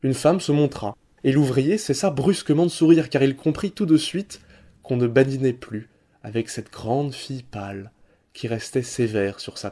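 Mellow-voiced male story narrator. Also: medium pitch. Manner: measured, expressive storytelling. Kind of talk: literary audiobook reading.

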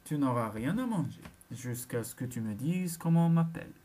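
A wicked old witch in a storybook, cunning and cruel, voiced by a storyteller. She murmurs low and threatening, then shoots up into shrill, wild cries. The voice keeps a soft, dark, mellow grain. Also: lively intonation, moderate pace, slight background noise, lightly acted. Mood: menacing. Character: wicked old witch woman surrounded by flames.

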